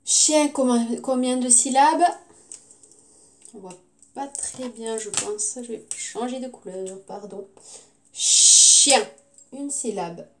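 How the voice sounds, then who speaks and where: A tired woman teaching young children, slow and patient, stretching out her words. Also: fairly high pitch, darkish tone. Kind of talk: classroom lesson for young children.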